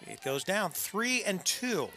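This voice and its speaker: A man giving conversational, unscripted play-by-play softball commentary with folksy asides. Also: high voice, sing-song, slow pace. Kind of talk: unscripted live sports commentary. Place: press box at a college softball field.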